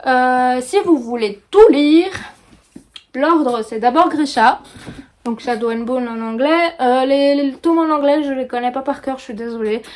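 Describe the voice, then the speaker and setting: Belgian woman in her 30s doing a book vlog, high-pitched, lots of ums, talks into her phone. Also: a little slow, darkish tone. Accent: Belgian French. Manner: chatty, hesitant with frequent fillers. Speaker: book vlogger. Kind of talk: casual book review vlog.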